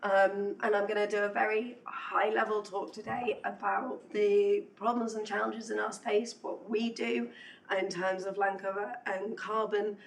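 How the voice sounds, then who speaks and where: Hoarse-voiced woman giving a conference talk. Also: mid-range voice, flat delivery, a little slow. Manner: chatty and self-deprecating, with many ums. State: losing her voice. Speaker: conference speaker. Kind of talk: technical presentation talk. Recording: distant voice with faint hum.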